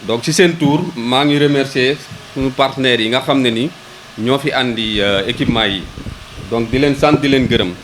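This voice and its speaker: A local government official with a Senegalese accent speaks at a public ceremony, hesitant and often repeating words while he searches for the next one, switching between Wolof and French. His mid-range voice is fairly bright at a moderate pace. The audio is poor, with slight background noise.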